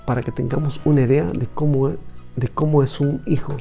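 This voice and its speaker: A man's voice: on the high side, fairly even intonation, normal speed, vocal fry, dark tone, soft background music. A man teaching a Bible lesson in conversation, repeating phrases for emphasis.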